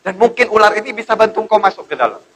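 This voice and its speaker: A man voicing a sly scheming peacock, raised bright voice, coaxing and conspiratorial. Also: high voice, very animated, quick pace, slight background noise, pitched above the performer's own voice, heavily acted, low-quality recording. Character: sly male peacock plotting a trick.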